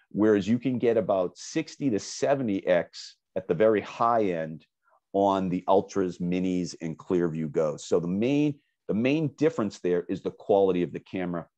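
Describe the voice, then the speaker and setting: A man's voice: deep voice, warm tone, lo-fi sound. A man presenting products in a webinar, explaining conversationally with fillers over a video call.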